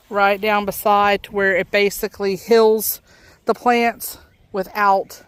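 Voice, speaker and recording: A woman, out of breath, chatting casually to viewers on a garden vlog and talking to her pets as she walks outdoors. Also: mid-range voice. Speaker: vlogger.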